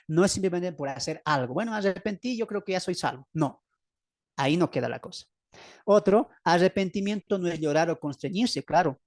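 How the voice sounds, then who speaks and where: A man's voice: fairly high pitch, dry recording, studio quality. Bolivian man teaching a Bible lesson. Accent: Bolivian Spanish. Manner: asks the listeners rhetorical questions, then answers them; emphatic, repeats key phrases. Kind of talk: online Bible study lesson. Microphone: video call.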